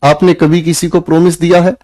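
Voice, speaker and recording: A man's voice: on the high side, little pitch movement, brisk, a little mellow, dry recording. A young Indian man teaching an English grammar class in Hindi, addressing his students as children and quizzing them as he goes. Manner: calls students "beta", asks the class questions, firm and preachy. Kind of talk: online class lecture.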